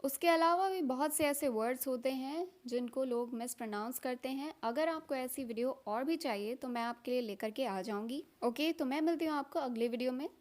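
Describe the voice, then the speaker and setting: A young woman teaches pronunciation in a slow, deliberate way. She repeats each word and checks with "okay?". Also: high-pitched, a little mellow. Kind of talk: Hindi-language lesson with English example words.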